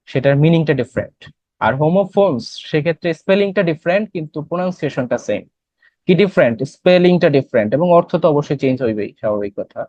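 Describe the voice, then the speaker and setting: A man's voice: on the high side, darkish tone, dry recording, muffled recording. A young man with a Bangladeshi accent teaching an English class for admission tests, explaining in Bengali with English terms and quizzing students. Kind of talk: classroom lecture.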